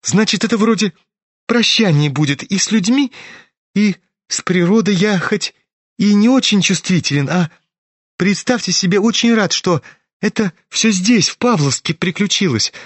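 A frail young man, dying and worn out, who talks in a quiet, hoarse voice with calm irony, as a male reader plays him. The voice stays a touch high for a man and is recorded dry and close. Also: moderate pace, no room sound. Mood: wistful.

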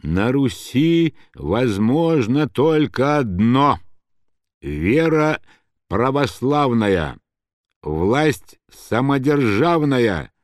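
A man voicing a drunk young officer who shouts with slurred, swaying speech. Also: mid-range voice, very animated, takes it slowly, no room sound, studio quality. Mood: drunken.

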